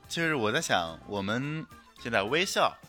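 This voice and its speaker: A man's voice: mid-range voice, very animated, takes it slowly, pushed and bright, faint music behind. A man co-hosting a casual chat podcast, musing aloud in a playful, giggly way. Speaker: podcast co-host.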